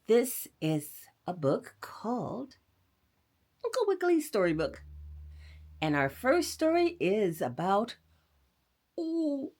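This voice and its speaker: A woman storyteller hosts a read-aloud for children, addressing her young listeners directly in an expressive, animated way. Her voice is a little high, and she speaks slowly with long pauses.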